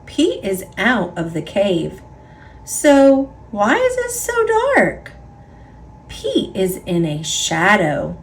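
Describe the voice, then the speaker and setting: A woman reading a children's picture book aloud in an expressive, deliberate storytelling way for young listeners. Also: medium pitch, a little hiss or hum. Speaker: storybook reader. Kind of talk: children's read-aloud narration.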